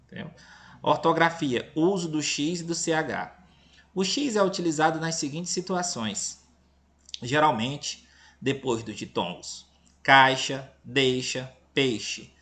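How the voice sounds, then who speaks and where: A man's voice: on the high side, slow, a bit bright. A man from Brazil with a Brazilian accent, reading a school lesson aloud to children and checking in often to see if they follow. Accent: Brazilian Portuguese, Tocantins. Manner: patient, checks in with "entendeu?" and "beleza?"; playful, teasing about giving away answers. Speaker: teacher.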